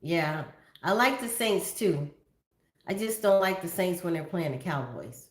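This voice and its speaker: A woman in her fifties chats easily on a phone livestream, greeting viewers one by one and drifting into stories. Her voice sits fairly low, and the room gives it a clear echo. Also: expressive, a little slow. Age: 50s. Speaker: livestream host. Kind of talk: casual livestream chat reading viewer comments. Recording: echoey room.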